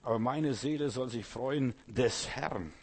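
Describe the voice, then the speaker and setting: A man's voice: medium pitch, unhurried, breathy edge. A man preaching a sermon, speaking directly to the listener and telling stories from scripture. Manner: addresses listener directly, storytelling, voices quoted figures.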